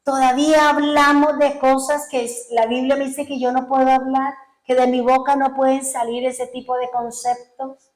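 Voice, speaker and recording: A woman's voice: high voice, flat delivery, normal speed, poor audio. A middle-aged woman pastor, giving an emotional sermon testimony and acting out her own past prayers.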